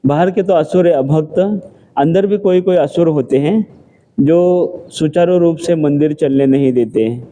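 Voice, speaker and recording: A man's voice: on the high side, mellow. A man giving a scripture class in a temple, talking conversationally and answering his own rhetorical questions. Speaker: temple lecturer.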